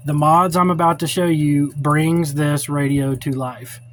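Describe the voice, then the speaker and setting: A middle-aged radio hobbyist gives an informal, unscripted how-to tutorial, blunt, opinionated and plainspoken. His voice is on the high side, steady, fairly bright and a little slow. It's a noisy recording from a cell phone held or set up while filming.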